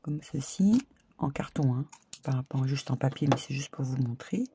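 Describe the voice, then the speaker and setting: Over some background noise, a woman with an extremely low-pitched voice speaks at a moderate pace. She hosts a casual crafting video, chatting and narrating her steps as she works, with many fillers.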